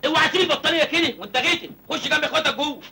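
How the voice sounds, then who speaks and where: Cheeky young Egyptian nephew, comic film, high voice, quick talk. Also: male voice, pushed and bright, slight background noise, exaggerated voice. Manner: cheeky, whining comic banter. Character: cheeky young orphaned village man, freeloading nephew.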